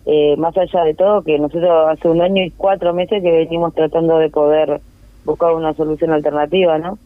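This woman, a neighborhood representative with a Uruguayan accent, speaks briskly in a low, level tone during a telephone interview. Hesitations, fillers and restarts run through her answers, heard on a tinny, dry line without echo.

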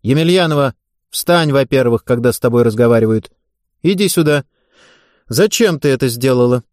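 A man's voice: medium pitch, animated, normal speed, a little mellow, dry recording, clean studio sound, close to an everyday voice. A man voicing a strict, irritable woman gymnastics coach who speaks sharply and commandingly.

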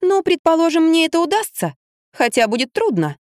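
A woman voicing an excitable young wife who plays the fool, exclaiming and indignant. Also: high voice, moderate pace, no echo, studio quality, pitched above the performer's own voice. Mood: agitated.

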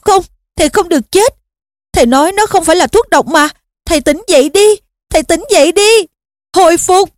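A woman's voice: sits high, lively intonation, a little fast, hardly any pauses, a little mellow, dry recording, voice pushed up. A woman voicing a desperate teenage boy wizard, urging and pleading frantically. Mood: frantic.

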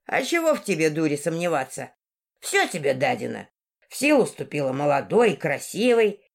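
A woman's voice: fairly low pitch, heavily acted. A woman voicing a grumpy old peasant woman who scolds bluntly in a rustic way, in an audiobook. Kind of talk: audiobook character voice.

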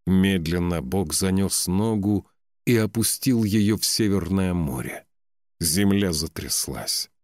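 A man reading a fantasy novel aloud as narrator, in a measured, dramatic way that stretches key words. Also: deep voice, a little mellow, no echo, studio quality. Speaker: audiobook narrator.

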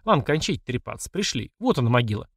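A man's voice: mid-range voice, very animated, fast talker, creaky, slightly rough, no echo, studio quality, full character voice. A man voicing a hot-tempered, bossy tough guy in an audiobook, with blunt commands. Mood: gruff.

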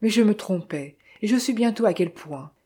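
A troubled young woman from a novel, sorrowful and torn, pleading in a mellow, husky voice, as a woman reads her out. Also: medium pitch, lively intonation, moderate pace.

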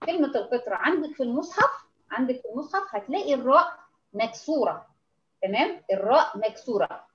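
An Egyptian woman teaches recitation rules over an online call, explaining patiently and pausing to ask her students whether it's clear. Her voice sits a little high. The audio is dull and roomy. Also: expressive. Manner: patient, keeps checking understanding with endearments. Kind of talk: online tajweed lesson.

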